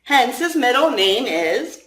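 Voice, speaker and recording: A playful young FBI agent who ribs his partner, read by a woman. His lines bounce up and down with lively pitch, carried on a roomy echo. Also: takes it slowly, heavily acted. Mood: teasing. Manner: playful, teasing. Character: young adult man, teasing FBI agent. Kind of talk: audiobook reading.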